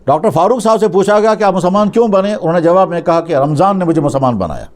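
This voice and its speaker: A man with a high-pitched voice delivers a storytelling sermon. He retells the story in an easy spoken way and restarts his sentences as he goes. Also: lively intonation, darkish tone. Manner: retells a story, acting out its dialogue; speaks with conversational restarts. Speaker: preacher.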